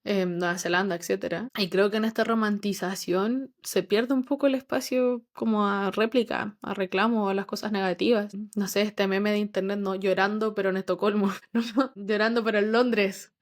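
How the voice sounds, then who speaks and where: A young adult woman with a Chilean accent, a psychologist calmly explaining her views with many asides in a podcast chat. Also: mid-range voice, normal speed, few pauses. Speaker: psychologist guest. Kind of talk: casual podcast conversation.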